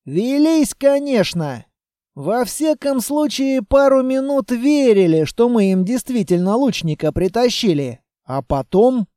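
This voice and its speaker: A man voicing a wiry, bossy male scavenger who talks gruffly in rough slang, read for an audiobook. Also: very high voice, big pitch swings, measured pace, dark tone, no room sound, studio quality, heavily acted. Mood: mocking. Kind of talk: audiobook character voice.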